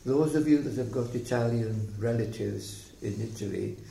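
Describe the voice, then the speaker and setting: Reminiscing for an oral history project, a creaky-voiced older man from South Wales tells his life story in a halting, thoughtful way, his slight Welsh accent audible. His pitch is medium and his tone dark. Faint background noise and room echo are present.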